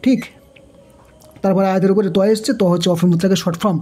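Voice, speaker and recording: A woman's voice: medium pitch, fairly even intonation, quick pace, dark tone. A woman teaching Quran recitation rules step by step, patiently repeating syllables and asking questions as she explains. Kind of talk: step-by-step tajweed lesson.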